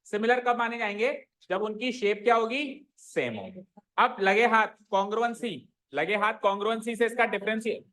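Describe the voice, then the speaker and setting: A man's voice: high voice, expressive, measured pace, a bit bright. A male math teacher in a classroom, explaining a lesson and constantly questioning his students, making them repeat answers and mixing English terms into his speech.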